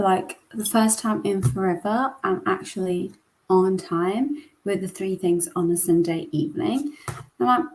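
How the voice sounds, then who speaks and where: A woman's voice: mid-range voice, slight background noise. A woman in her early thirties hosting her weekly vlog, talking casually and emphatically, drifting into a rant. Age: 30s. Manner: chatty, rambling, ranting, emphatic. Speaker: coach and weekly vlog host. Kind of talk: casual talk to camera.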